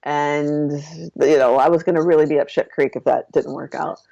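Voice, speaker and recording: Lively woman telling her story, lo-fi sound. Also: normal speed, gravelly. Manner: lively storyteller who acts out her own past lines with big jumps in pitch; casual, with fillers like "like" and "I'm like". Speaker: business coach and author, podcast guest. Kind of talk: personal storytelling in conversation. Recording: dull lo-fi podcast audio.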